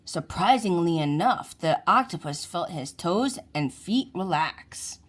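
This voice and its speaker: Narrating a storybook for young listeners, a female children's book reader takes a slow, deliberate pace. Her pitch moves expressively and with liveliness throughout the read-aloud.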